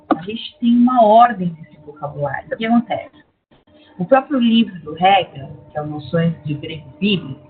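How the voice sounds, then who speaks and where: A woman's voice: mid-range voice, slightly rough. A woman with a Brazilian Portuguese accent explaining Greek grammar in an online lecture, often checking in with "tá?". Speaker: Greek teacher. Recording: tinny lo-fi online class audio.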